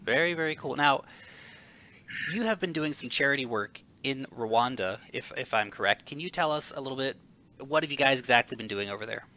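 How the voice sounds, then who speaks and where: Bright, upbeat male interviewer. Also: medium pitch, fairly quick. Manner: enthusiastic, upbeat questions. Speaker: interview host. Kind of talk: casual interview.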